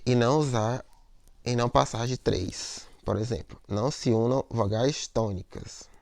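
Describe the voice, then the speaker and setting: Gravelly male teacher, dry sound. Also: mid-range voice, measured pace, a little mellow, dry recording. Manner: explanatory, repeats words, frequent "né?" and "ó". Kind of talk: recorded lesson on poetic meter.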